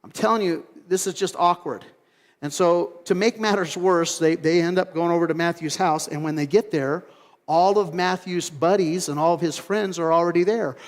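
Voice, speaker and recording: A man preaching a sermon as pastor, telling stories in an animated way and acting out other people's voices. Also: a little high, normal speed, in a large hall. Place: church sanctuary.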